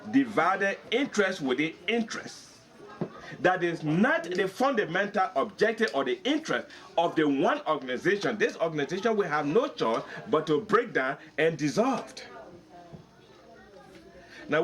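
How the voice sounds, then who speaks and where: A man's voice: fairly high pitch, fairly bright tone. Emphatic older man addressing a meeting. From Liberia. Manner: emphatic, repeats words, mixes in local language. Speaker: community meeting speaker.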